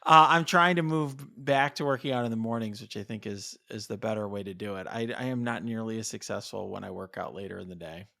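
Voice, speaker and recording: A man's voice: lowish voice, brisk, creaky, few pauses, pushed and bright. A man co-hosting a podcast, talking casually with many fillers and restarts, a little out of breath after a workout. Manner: chatty, lots of fillers and restarts. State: slightly out of breath. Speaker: podcast co-host. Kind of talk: casual conversation.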